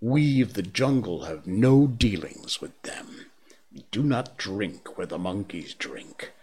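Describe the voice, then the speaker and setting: A man's voice: on the low side, lively intonation, slow, darkish tone, husky, exaggerated voice. A man voicing a stern old bear who lectures a boy solemnly, in a storybook reading. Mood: lecturing.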